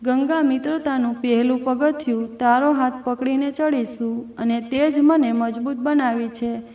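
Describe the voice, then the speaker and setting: A woman's voice: high voice, steady tone, moderate pace, warm tone. A woman voicing a strong-minded, heartfelt grown woman who talks in an earnest, reflective way. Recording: roomy echo from a distant mic.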